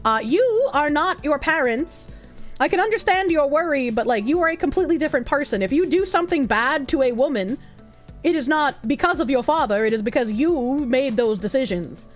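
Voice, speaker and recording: A woman's voice: sits high, expressive, fairly quick, soft background music. A woman with a Boston accent hosting a livestream, chatting casually and bawdily with her viewers, joking and swearing freely. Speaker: livestream host.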